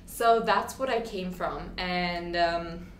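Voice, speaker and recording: Her voice sits low and she speaks slowly. She's a Swedish woman in her twenties sharing her story as a guest in a relaxed interview, chatty, peppered with "like" and restarts, frequently acting out others' quotes. Faint ambient noise carries through an echoey room.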